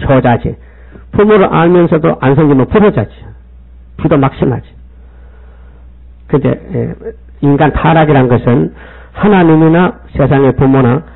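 This male pastor's voice is a little high, creaky and husky, and the recording sounds tinny, like a phone. In his sermon he scolds the congregation using rhetorical questions.

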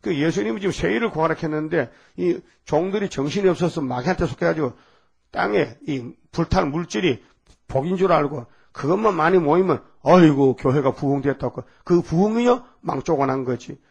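A man's voice: on the high side, brisk, creaky, breathy edge. A man preaching a fiery sermon, scolding and firing rhetorical questions at the congregation. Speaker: pastor.

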